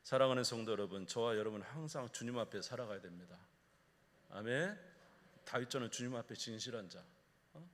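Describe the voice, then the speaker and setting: A man's voice: medium pitch, animated, brisk, a bit bright. A male pastor preaching a sermon, emphatic and often asking the congregation questions. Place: church sanctuary. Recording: echoey church hall.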